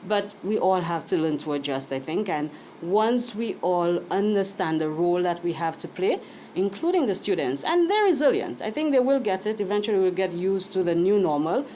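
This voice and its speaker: Woman interviewee, lowish voice, measured pace, faint background noise. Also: animated, mellow, rough recording. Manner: measured, uses fillers. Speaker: medical association president. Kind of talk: news interview answers.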